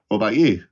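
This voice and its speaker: A middle-aged man being interviewed reminisces casually and chattily, repeating phrases for emphasis as he shares memories. His voice is fairly low with a breathy edge, and the recording sounds dull and slightly lo-fi.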